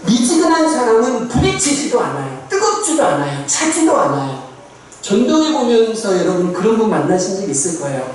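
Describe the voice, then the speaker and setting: Lively preaching pastor in an echoey church. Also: male voice, high voice, brisk, slight background noise. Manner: lively, conversational preaching with rhetorical questions and asides. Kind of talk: sermon. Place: church sanctuary. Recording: echoey, distant church recording.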